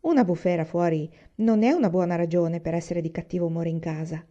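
A woman reading aloud and voicing a firm, practical pioneer mother who speaks in a calm, steady way. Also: lowish voice, brisk, natural voice. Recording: slightly dull lo-fi recording.

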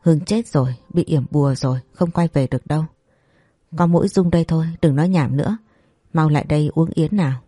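Bossy older mom, curt and scolding, warm low-key tone, read by the narrator. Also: brisk, no echo, clean studio sound, close to an everyday voice. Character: brisk, stern older mother and wife.

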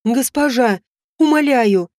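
Brief: desperate young village wife in an audiobook, voiced by a woman, begging, sobbing, slow. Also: sits high, lively intonation, a little mellow, dry recording, studio quality. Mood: pleading. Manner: pleading, sobbing.

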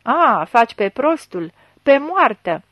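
A woman's voice: fairly high pitch, animated, no echo, muffled recording, natural voice. A woman reading a story aloud, voicing a stern male gendarme chief who barks accusing questions. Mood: harsh. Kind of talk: audiobook reading.

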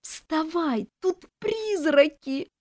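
Squeaky panicky young woman, as a woman plays her. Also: lively intonation, extremely slow, darkish tone, no echo, studio quality, heavily acted. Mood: panicked. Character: timid, frightened young woman rival. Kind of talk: audiobook reading.

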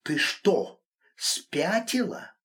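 A man's voice: sing-song, unhurried. A man voicing a furious, controlling married man. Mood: enraged. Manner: shouting accusations, then hissing low threats. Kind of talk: audiobook reading.

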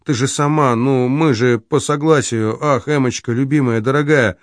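A desperate, lovesick young man, as the audiobook reader puts him on, pleading in slow, trembling whispers. His voice is middle-pitched and sits dry and close to the mic. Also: steady tone, dry recording, lightly acted. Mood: tender pleading.

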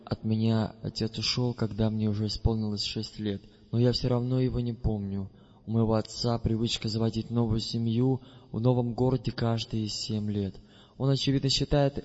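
A man's voice: mid-range voice, a little mellow. Man narrating an audiobook, reverberant and dull. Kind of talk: first-person audiobook narration. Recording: dull recording with long reverb.

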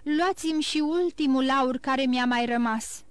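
A woman's voice: high voice, clean tone, dry recording, close to an everyday voice. A woman voicing a starving, desperate male banker who begs for his life in broken, pleading cries, in an audiobook. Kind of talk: audiobook reading.

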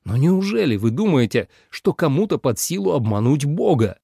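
A man's voice: a little high, sing-song, normal speed, vocal fry, mellow, slightly rough, no room sound, clean studio sound, heavily acted. A man voicing a proud, defiant young nobleman who speaks curtly and mockingly in a storybook reading. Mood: cold. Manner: curt, mocking.

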